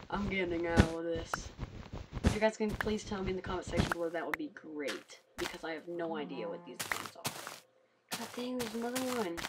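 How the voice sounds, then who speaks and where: A tired woman giving casual, chatty commentary on a game she is playing, talking quietly and swearing freely. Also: lowish voice, heavy background noise. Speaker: let's play gamer.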